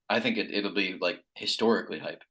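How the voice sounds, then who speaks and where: A man's voice: sits low, normal speed, fairly bright tone. A young man co-hosting a podcast in casual banter, rambling and crude, often losing his thread. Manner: rambling, crude, trails off and restarts. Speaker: podcast co-host.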